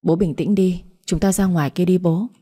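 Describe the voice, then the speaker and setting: A woman voicing a meek, polite young adult daughter begging her father to calm down. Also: on the low side, normal speed, breathy edge. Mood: pleading. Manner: polite, pleading.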